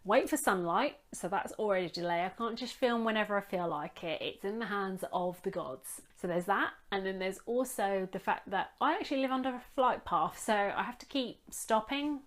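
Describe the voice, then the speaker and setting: A woman's voice: mid-range voice, moderate pace, hardly any pauses. Woman vlogger from England, casual, wry and rambling, talking to a phone camera at home. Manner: rambling, self-deprecating, wry. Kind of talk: casual chatty vlog. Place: home room with daylight. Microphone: phone front camera.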